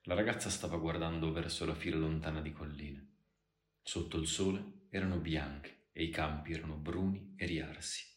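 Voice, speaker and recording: A man reading a literary story aloud in a slow, measured way as an audiobook narrator. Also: very deep voice, fairly even intonation, reverberant.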